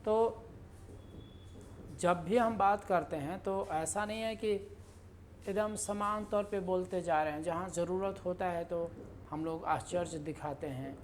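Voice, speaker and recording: A woman teaching a grammar lesson in a slow, explanatory way, with many fillers and repeated example sentences. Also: fairly low pitch, darkish tone, slight background noise. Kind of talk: lecture.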